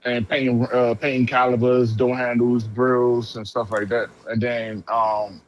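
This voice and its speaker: This man speaks at medium pitch in a level, unhurried tone over a noisy phone line. A would-be renter who taught himself auto body painting, he chats freely in slangy language and keeps circling back to the same points.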